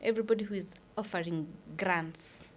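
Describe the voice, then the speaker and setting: Kenyan woman, podcast guest, earnest and measured with breathy near-whispers, faint noise behind her. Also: mid-range voice. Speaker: guest, nurse and foundation founder. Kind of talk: podcast interview.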